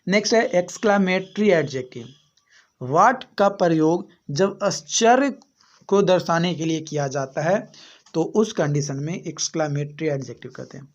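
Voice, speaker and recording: A man with an Indian accent teaching an English grammar lesson. He explains slowly, repeats each rule and asks rhetorical questions. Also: fairly high pitch, lively intonation. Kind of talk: slow classroom explanation. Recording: muffled lo-fi recording.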